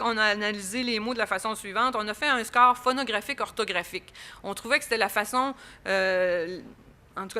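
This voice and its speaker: A woman's voice: fairly high pitch, bright, forceful tone. A woman with a Quebec French accent presenting research at an academic conference, explaining step by step with frequent fillers and restarts.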